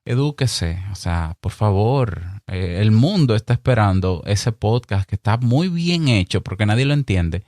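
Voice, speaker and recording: A man's voice: fairly low pitch, animated, darkish tone, no echo. Dominican man hosting a podcast, dry sound. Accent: Dominican Spanish. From Dominican Republic. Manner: emphatic, chatty, mock-acts little dialogues; deliberate, clear delivery. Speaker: podcast host. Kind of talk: solo podcast advice monologue.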